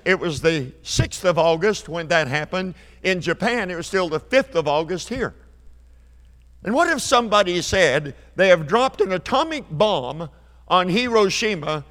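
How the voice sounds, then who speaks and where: A man in his seventies preaching a revival sermon, emphatic, repeating key phrases and building to loud climaxes. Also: high-pitched. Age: 70s. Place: church sanctuary. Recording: long hall reverb.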